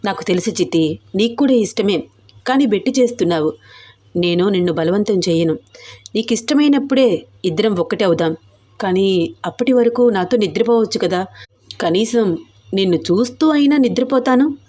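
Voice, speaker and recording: A teasing, insistent young husband in a storybook romance, coaxing his bride in a lightly lowered, persistent voice, as a woman reader puts him on. He sounds playful and sure of himself rather than harsh. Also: expressive, moderate pace, long pauses, dark tone, lightly acted. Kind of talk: storybook character voice.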